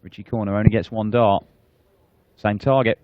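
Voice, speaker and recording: Low-voiced male darts commentator. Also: steady tone, moderate pace. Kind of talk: live sports commentary. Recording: dull broadcast sound with clear background noise.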